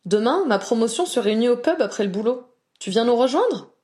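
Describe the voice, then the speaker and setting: Woman reader as a sincere young wizard, worried but reassuring, mellow. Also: a little high, animated, fairly quick, voice pushed up, close to an everyday voice.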